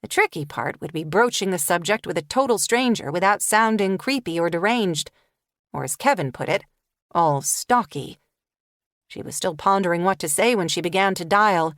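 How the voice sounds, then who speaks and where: A woman reading a novel aloud as an audiobook narrator, with expressive storytelling. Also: fairly low pitch, moderate pace, no echo, studio quality. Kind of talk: scripted narration.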